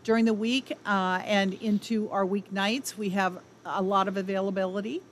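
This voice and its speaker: Woman explaining, medium pitch, some noise. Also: fairly even intonation, normal speed. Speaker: ranch development director, radio guest. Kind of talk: conversational interview talk. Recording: clear background noise.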